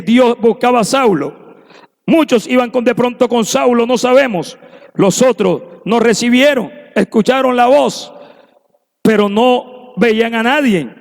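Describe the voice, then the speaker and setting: A man preaching a sermon in a church, fervent and acting out the voices he quotes. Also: high-pitched. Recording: long echo of a church hall.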